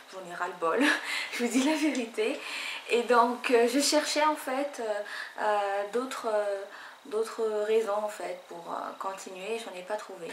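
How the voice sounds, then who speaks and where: A woman's voice: medium pitch, a little hiss or hum. A young woman from French Guiana, chatting through a casual hair tutorial with lots of fillers and restarts. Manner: chatty, rambling, many fillers. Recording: echoey room.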